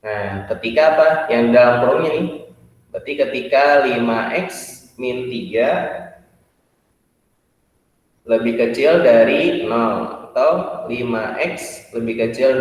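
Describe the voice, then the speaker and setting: A man's voice: mid-range voice, takes it slowly, dull audio. A man teaching a math class, explaining step by step with many fillers and checking whether his students follow. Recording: echoey hall, far from the mic.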